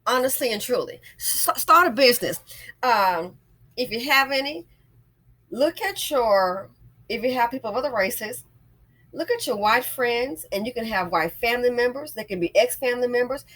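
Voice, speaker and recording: Speaking as an online host, this woman, a YouTuber and small business owner, gives an emphatic, opinionated monologue in a casual style, often repeating phrases for effect. Her fairly high voice is expressive and a bit bright, at normal speed.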